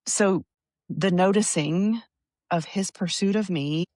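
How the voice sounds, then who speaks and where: A woman guest on a faith-based podcast, speaking thoughtfully and haltingly as she searches for words. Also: lowish voice, darkish tone, dry recording.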